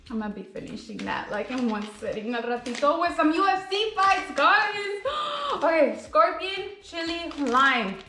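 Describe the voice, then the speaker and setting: Bubbly high-voiced woman tasting snacks. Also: a bit bright. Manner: bubbly, gushing, peppered with "like" and "guys"; mixes in Spanish phrases. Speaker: food reviewer. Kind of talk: casual tasting vlog. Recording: echoey room.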